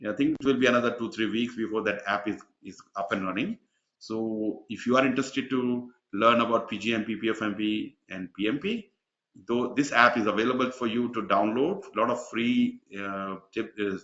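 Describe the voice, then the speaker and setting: A man's voice: fairly low pitch, steady tone, moderate pace, fairly bright tone. A man hosting an online webinar, chatty and rambling, with many fillers. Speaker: webinar host and exam mentor. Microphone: video call. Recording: dull, echoey video call audio.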